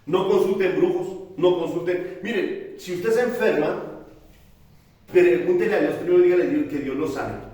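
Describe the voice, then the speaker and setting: A male preacher delivers a sermon in a plain, talky style, asking questions and then answering them. His voice sits fairly high and is picked up from some distance away. The church hall around him rings with strong echo. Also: moderate pace, dark tone. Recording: very echoey room, voice from a distance.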